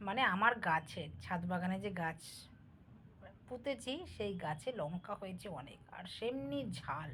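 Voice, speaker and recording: A woman's voice: medium pitch, a bit bright. Middle-aged woman vlogger, homely cooking chatter, talks straight to viewers, faint household noise behind. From Bangal family, East Bengal roots. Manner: homely, talks directly to viewers, asks for comments. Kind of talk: casual chatty narration while cooking.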